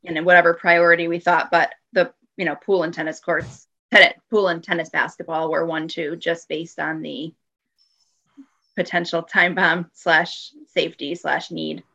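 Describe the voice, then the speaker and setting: Gravelly low-voiced woman staffer. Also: little pitch movement, moderate pace, bright, forceful tone, dull audio. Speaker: parks and recreation staff. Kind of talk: public meeting discussion.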